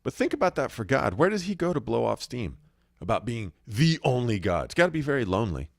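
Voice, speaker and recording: A man preaching an informal sermon in a blunt, emphatic way, his words swinging between loud stresses and low, quiet drops. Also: very animated, fairly quick, creaky, no room sound, clean studio sound.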